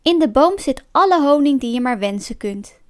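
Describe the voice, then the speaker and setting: A woman's voice: high-pitched, expressive, moderate pace, a little mellow. A woman voicing a cunning male fox in a storybook, sweet-talking and mocking under a show of friendliness. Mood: sly.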